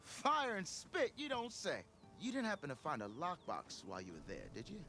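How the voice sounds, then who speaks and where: An actor playing a blustering, scheming expedition boss in a video game, with the theatrical, wheedling patter of a petty crook. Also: male voice, medium pitch, huge pitch swings, quick pace, fairly bright tone, faint music behind. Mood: excited, wheedling. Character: blustering, scheming male chief delver and expedition leader. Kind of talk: video game character acting.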